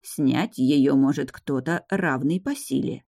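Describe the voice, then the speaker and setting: A woman reading the part of a stern old grandmother who is a powerful high witch, speaking slowly and with command. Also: creaky, dark tone, no echo, clean studio sound, heavily acted. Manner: slow, measured, commanding.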